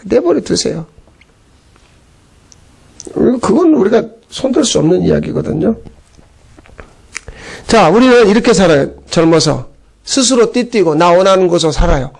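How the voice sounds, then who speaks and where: High-voiced chatty male pastor. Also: normal speed, gravelly. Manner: chatty and animated, acts out quoted voices. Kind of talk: conversational sermon.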